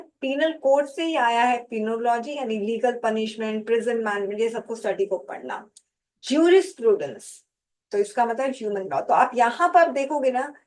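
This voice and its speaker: A woman teaching a vocabulary lesson to exam students, speaking slowly and deliberately, spelling out and repeating each term. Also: on the high side, darkish tone, poor audio. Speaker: English teacher for competitive exams. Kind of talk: slow classroom lecture, mixing Hindi and English.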